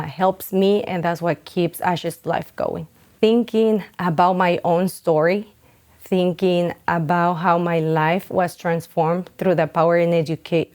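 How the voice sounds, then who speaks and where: A young Honduran woman who founded a nonprofit gives earnest, heartfelt testimony for a documentary interview, with some hesitations. Her voice is on the low side with a darkish tone.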